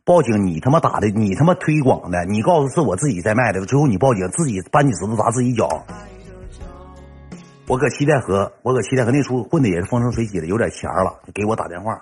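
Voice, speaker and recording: A man with a Northeastern Mandarin accent telling a comic personal story in a rough, slangy ranting way. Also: fairly low pitch, animated, fast talker, a little mellow, soft background music.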